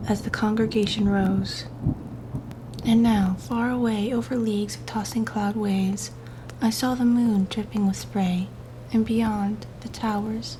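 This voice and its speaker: A woman reading gothic horror stories aloud for ASMR in a hushed, breathy whisper, with slow, deliberate, drawn-out phrasing and pauses. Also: medium pitch, slight background noise, low-quality recording.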